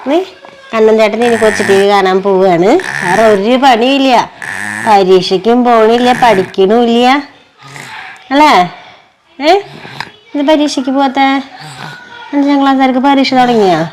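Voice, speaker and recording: Mother vlogger, woman, hoarse with a cold, bright sing-song baby talk, phone-recorded at home. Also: a little high, a little slow, long pauses, a little hiss or hum. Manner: chatty, coos in sing-song baby talk to her little one. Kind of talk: casual home vlog chat. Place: at home, indoors.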